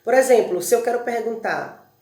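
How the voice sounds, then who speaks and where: A woman with a Brazilian Portuguese accent teaching a Spanish review lesson, drilling verb forms and lists slowly and checking in with rhetorical questions. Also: a little high, dark tone, roomy sound. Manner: explains patiently, asks rhetorical check-ins. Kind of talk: recorded classroom review lesson.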